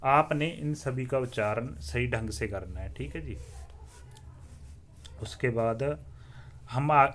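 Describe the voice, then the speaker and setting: A man teaching the alphabet in a slow classroom style, sounding out letters one by one and asking listeners to repeat after him. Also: medium pitch, a bit bright, a little hiss or hum. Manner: drills letters aloud and asks viewers to repeat; often says "theek hai ji" as a filler. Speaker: Hindi teacher.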